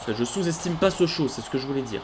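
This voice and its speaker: A man calling a wrestling video game match play by play, animated, bursting into shouts at big moves and stopping to correct himself. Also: medium pitch, quick pace, slight background noise. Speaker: let's play commentator. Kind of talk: excited play-by-play game commentary.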